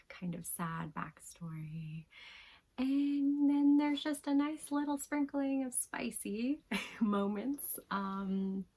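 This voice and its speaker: A woman casually reviewing manga, talking softly in a half-whisper with frequent giggles and plenty of fillers and restarts. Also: fairly low pitch, creaky, rough recording.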